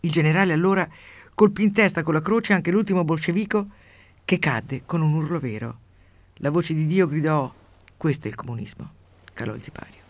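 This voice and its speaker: A woman radio host reading a literary passage aloud with dramatic swings from hushed to loud, then chatting with a guest. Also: deep voice, fairly quick, dry recording.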